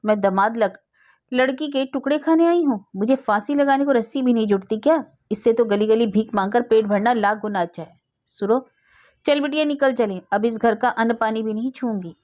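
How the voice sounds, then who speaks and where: A woman's voice: fairly high pitch, moderate pace, darkish tone, muffled recording, pitched above the performer's own voice, close to an everyday voice. Woman playing a wailing, bitter old mother. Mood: aggrieved. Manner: tearful, nasal complaining.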